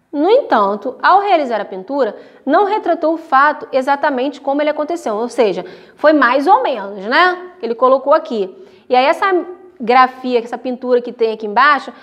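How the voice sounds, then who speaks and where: A Brazilian woman teaching a primary school class, talking to the children in affectionate diminutives and often checking with "tá?" and "né?". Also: sits high. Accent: Brazilian Portuguese. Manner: frequent checks of tá and né; uneven pace, stretches words when dictating. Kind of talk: recorded remote class lesson.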